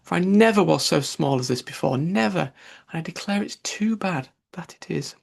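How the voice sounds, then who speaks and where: Storybook little girl, played by a man: polite, flustered, chatty, pitched up with a husky edge. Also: lively intonation, moderate pace, heavily acted. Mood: fretful. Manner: earnest, apologetic, rambling.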